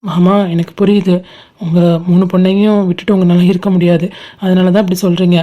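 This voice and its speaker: A woman voicing a caring young husband in an amateur cartoon, steady and patient. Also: lowish voice, brisk, highs cut off, close to an everyday voice. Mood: persuasive. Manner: steady, soothing, explains patiently.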